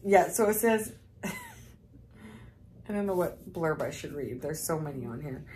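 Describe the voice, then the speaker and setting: A laid-back woman talks slowly and casually on a book podcast, her pitch rising and falling freely. She laughs and swears easily, with clear background noise underneath. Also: expressive, a little mellow. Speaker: podcast co-host. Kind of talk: casual chat about books.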